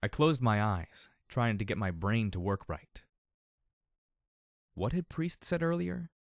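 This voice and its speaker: A man narrating an audiobook in a steady first-person reading. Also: fairly low pitch, unhurried, gravelly, no echo, clean studio sound.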